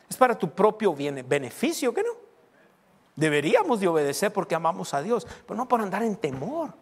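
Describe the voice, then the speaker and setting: Male pastor, lively sermon, somewhat high voice, long hall reverb. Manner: animated preaching, mimics people praying and speaks in tongues.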